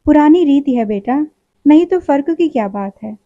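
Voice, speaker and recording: A woman's voice: high-pitched, animated, moderate pace, mellow, no echo. A woman voicing a stern, traditional older mother-in-law who scolds and commands the household. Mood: flustered. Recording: dull lo-fi recording.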